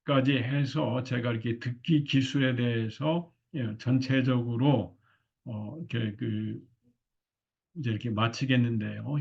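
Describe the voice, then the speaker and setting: A man delivers a lecture on couples' listening skills in a gravelly, rough-edged voice. He talks loosely and leans on constant fillers. The recording sounds dull and lo-fi. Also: medium pitch, darkish tone. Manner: loose, filler-heavy lecturing with frequent "이렇게" and "어". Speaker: marriage counseling lecturer.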